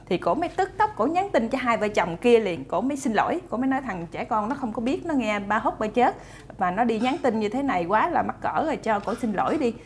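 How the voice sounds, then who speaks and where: A woman's voice: a little high, big pitch swings, fairly quick, slight background noise. A woman retelling a story to her viewers in a chatty, casual way, full of fillers and repeated words. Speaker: storyteller host.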